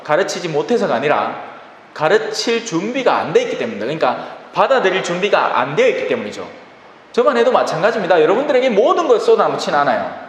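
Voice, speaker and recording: Lively priest lecturing in an echoey hall. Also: male voice, on the high side. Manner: lively and conversational, addresses listeners directly; acts out everyday people in quick voices. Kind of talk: Bible lecture in a sermon manner. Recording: roomy reverberant hall with faint ambient noise.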